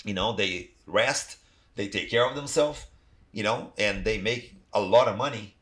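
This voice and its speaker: A man's voice: lowish voice, a little slow, fairly bright tone. A middle-aged man from Brazil with a Brazilian accent, speaking English, talking casually in a podcast interview and filling his speech with "you know" and "like". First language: Portuguese. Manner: rambling, many "you know, like" fillers. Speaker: guest, athletic trainer.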